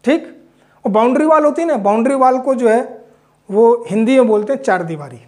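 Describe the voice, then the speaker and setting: A man's voice: extremely high pitch, expressive, a little fast. A man teaching a Hindi spelling lesson, explaining patiently while writing words out and often checking in with his class. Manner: explanatory, checks in with "theek", mixes in English phrases.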